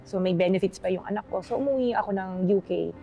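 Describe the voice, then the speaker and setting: A woman's voice: medium pitch, quick pace, vocal fry, mellow, soft background music. Chatty woman interview guest. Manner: chatty, mixing in English phrases. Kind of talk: casual conversational interview.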